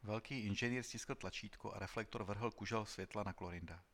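A man reading a story aloud in a measured, serious voice. His voice sits on the lower side, steady and unhurried. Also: creaky. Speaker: audiobook narrator. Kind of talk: scripted literary narration.

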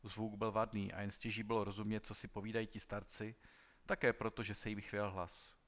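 Low-voiced man narrating a story. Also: flat delivery, fairly bright tone. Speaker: audiobook narrator. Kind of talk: scripted literary narration.

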